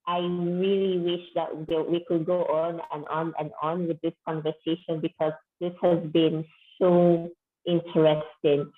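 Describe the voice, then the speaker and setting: A woman with a very low voice moderates an online panel in an effusive, grateful way, repeating her thanks. Her voice comes through a tinny, phone-like line. She sounds like she is on a video call. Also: flat delivery, measured pace. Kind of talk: webinar moderation.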